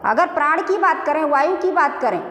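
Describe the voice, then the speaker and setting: Brief: middle-aged woman teacher, very high voice, repetitive classroom questioning, roomy reverb. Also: lively intonation, fairly bright tone. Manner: repetitive, asks and answers own questions; drawn-out demonstration vowel sounds. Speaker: Hindi grammar teacher. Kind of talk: classroom-style lesson. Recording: echoey room reverb.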